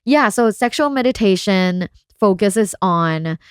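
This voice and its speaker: A woman's voice: mid-range voice, expressive, a little slow, clear, resonant tone, dry recording, clean studio sound. A woman from Thailand, a sex researcher, talking openly and casually as a podcast guest, often laughing. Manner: frank and open, laughs often. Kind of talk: casual interview chat.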